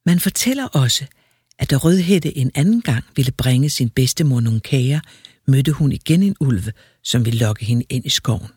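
A man reading a fairy tale aloud in a lively, expressive storyteller manner. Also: medium pitch, breathy edge, no echo, studio quality.

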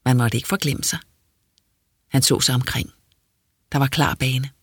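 An audiobook reader giving quiet, measured, introspective first-person narration. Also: medium pitch, fairly even intonation, breathy edge, dry recording, studio quality.

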